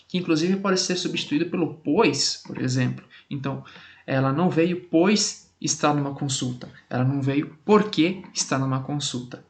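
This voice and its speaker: A man's voice: on the high side, slight background noise. A male Portuguese teacher with a Brazilian accent explains grammar rules to the camera. He reads out example sentences with added stress and keeps checking in with "tá bom?".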